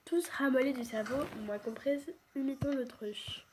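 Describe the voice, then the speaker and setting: A woman's voice: high voice, unhurried, noisy background. A woman reading a first-person story aloud, chatty, with restarts and asides.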